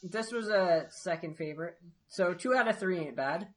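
A woman's voice: fairly low pitch, normal speed. A young woman co-hosting a podcast in casual chat, with wry, joking asides. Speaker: podcast co-host.

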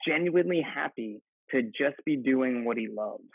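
A man's voice: medium pitch, lively intonation, moderate pace, gravelly, breathy edge, no room sound. A man, a firefighter, chatting casually as a podcast guest, rambling with frequent laughs and restarts. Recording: dry tinny phone-like line.

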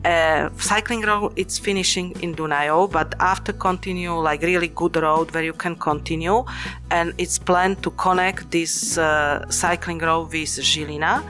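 Low-voiced woman. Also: fairly even intonation, a little slow, a bit bright, soft background music. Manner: non-native phrasing, hesitant. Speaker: local guest. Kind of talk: podcast interview.

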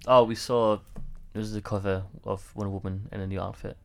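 A man's voice: lowish voice, little pitch movement, fairly quick, creaky, slight background noise. A man co-hosting a casual film podcast, joking and sarcastic. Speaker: podcast co-host.

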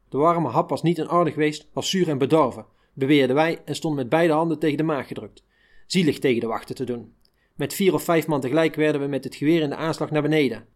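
A man reading a first-person wartime memoir aloud in a measured, unhurried way. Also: a little high, a little mellow. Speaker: reader of a memoir.

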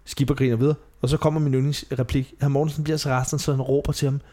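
A man's voice: medium pitch, flat delivery, warm tone. A man hosting a podcast, chatting casually and retelling scenes with quoted lines and frequent laughs. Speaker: podcast host. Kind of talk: casual chat recapping a TV show.

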